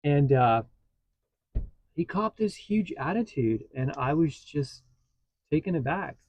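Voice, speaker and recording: Man, raised voice, mellow tone, chatty vlog storytelling, dull lo-fi sound. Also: on the high side, slow pace. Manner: chatty, animated when retelling a story. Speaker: vlogger. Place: inside a parked vehicle.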